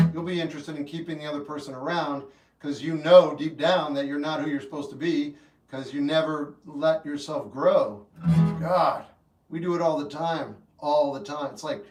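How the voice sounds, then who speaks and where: A man in his fifties hosts a livestream, casually answering live chat in a relaxed, rambling way that grows earnest whenever he offers advice, and he seems a little high. The sound is roomy and echoey, with the mic at a distance and faint guitar music behind him.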